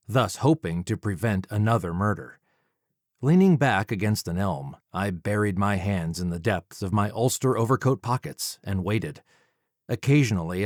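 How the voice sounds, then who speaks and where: A male audiobook reader narrates a first-person story close to the microphone, dramatic, measured and deliberate. His voice is low-pitched and the recording is dry.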